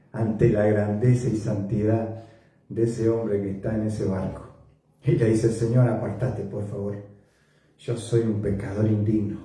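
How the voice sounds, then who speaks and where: A male pastor, preaching a sermon slowly and emphatically, his voice often rising sharply in pitch and force. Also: dark tone. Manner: slow, emphatic preaching with sudden rises in pitch and volume. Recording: echoey church hall, voice from a distance.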